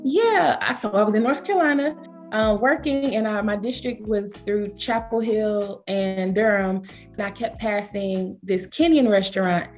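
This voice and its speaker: A woman with a Southern accent tells travel stories in an easygoing interview. She leaps up in pitch to act out what others said, keeping the talk lively. Soft music plays faintly behind her. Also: moderate pace. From Georgia, USA. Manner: animated, acts out quoted speech with pitch jumps. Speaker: travel company founder, interview guest. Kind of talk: conversational storytelling interview.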